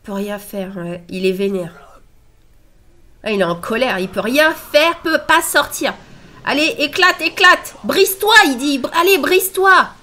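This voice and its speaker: Excitable woman w a stuffy nose, pretty nasal, kinda high voice, reacting to anime out loud. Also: measured pace. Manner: excitable, exclaiming and laughing between read-out subtitles.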